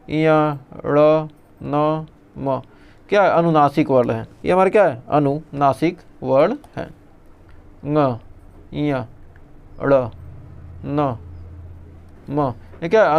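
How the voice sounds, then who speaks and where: A male teacher runs an exam revision lesson, reading lists aloud and answering the questions he puts to himself. His voice is smooth and clear and sits a little high for a man. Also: highs cut off.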